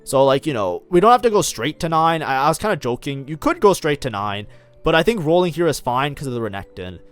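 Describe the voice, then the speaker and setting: Male streamer, animated pitch, slightly high voice, casual game commentary, lots of fillers, faint music under. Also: a little fast. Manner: chatty, lots of fillers like "like, you know". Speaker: game streamer reviewing his own match.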